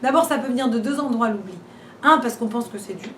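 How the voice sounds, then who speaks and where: Speaking fast in a fairly high-pitched voice, a woman teaches an informal class, chatty and heavy on rhetorical questions, often repeating and restarting. It's recorded in the room where she teaches, sounding roomy and distant with faint background noise.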